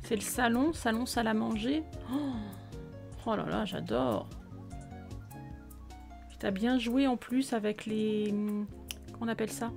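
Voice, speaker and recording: A woman with a somewhat high voice talks through a game tour in a casual, gushing way. She exclaims constantly and at times sinks to a near whisper. Light music plays faintly behind her. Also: unhurried, gravelly, pauses often, darkish tone. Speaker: gaming video host touring viewers' islands. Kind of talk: casual gameplay commentary.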